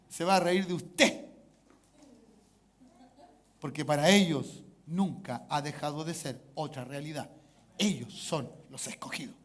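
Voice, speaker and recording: A Chilean man with a Chilean Spanish accent, preaching a sermon as pastor, calling for amens and swinging between hushed asides and loud exhortation. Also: sits high.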